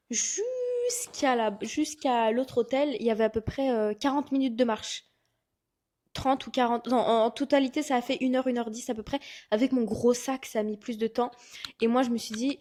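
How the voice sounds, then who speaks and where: A young woman from France tells a lively story on a relaxed podcast, acting out the lines of the people in it. Her voice sits a little high for a woman, and her talk stays casual and chatty. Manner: animated storytelling, acting out quotes. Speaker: podcast co-host. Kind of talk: casual chat.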